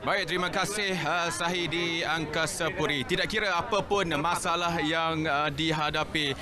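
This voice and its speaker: A young man reporting live outdoors with a handheld microphone, interviewing fans with polite questions and frequent hesitant pauses. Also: on the high side, fairly even intonation. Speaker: field reporter. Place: outdoors at a stadium forecourt among a dense crowd of fans. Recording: loud crowd around.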